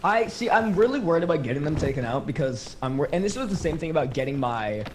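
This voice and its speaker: Animated higher-voiced man streaming with friends. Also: quick pace, background noise. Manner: teasing, profane banter. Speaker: live streamer. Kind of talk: casual group chat while gaming.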